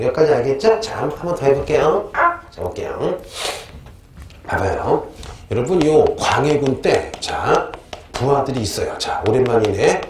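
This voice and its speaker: A middle-aged man teaches history in a lively classroom style, constantly quizzing his students and answering his own questions. His delivery is animated and conversational. The room is echoey and roomy, with a faint noise bed underneath. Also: mid-range voice.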